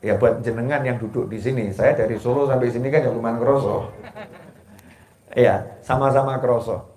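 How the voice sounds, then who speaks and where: Joking preacher with a Javanese accent. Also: male voice, mid-range voice, steady tone, normal speed, darkish tone. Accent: Javanese Indonesian. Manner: jokey, questions the audience, mixes in Javanese. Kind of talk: Islamic sermon to a live congregation. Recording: roomy echoey hall.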